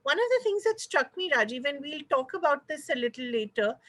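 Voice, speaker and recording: Indian lady host, high bright voice, chatty interview over video call, kinda meandering and polite. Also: sing-song, a little fast. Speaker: host of an online talk show.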